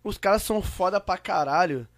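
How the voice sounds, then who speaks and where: A man's voice: high-pitched, brisk, dry recording. A young man in casual podcast banter, full of street slang and swearing, repeating himself insistently. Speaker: podcast co-host.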